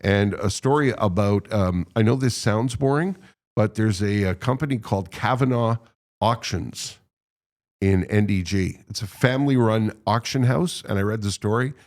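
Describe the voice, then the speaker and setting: A man co-hosting a podcast in casual chat, animated and quick to laugh. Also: on the low side. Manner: animated, laughs often, restarts sentences. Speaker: podcast co-host. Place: podcast studio.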